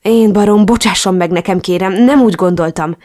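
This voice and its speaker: A woman's voice: medium pitch, a little mellow, natural voice. A woman reading an audiobook, voicing a troubled, remorseful young man in a subdued way. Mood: regretful.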